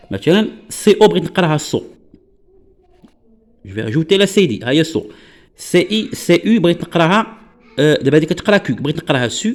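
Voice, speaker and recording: A man with a Moroccan Arabic accent teaching French pronunciation. He explains patiently, often checks that listeners follow, and says example words slowly. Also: on the high side. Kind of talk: classroom-style lesson explanation.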